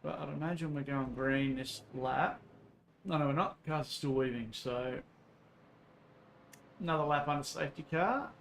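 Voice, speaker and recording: A man's voice: fairly high pitch, normal speed, creaky, long pauses. A man with an Australian accent casually commentating on a livestream in a laid-back, blokey, matey way. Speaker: livestreamer racing in an online endurance sim race. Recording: some background noise.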